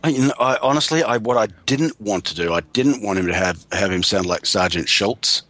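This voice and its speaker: A man's voice: lowish voice, lively intonation, brisk, a bit bright. A man being interviewed as an actor guest, telling emphatic stories in a casual chat.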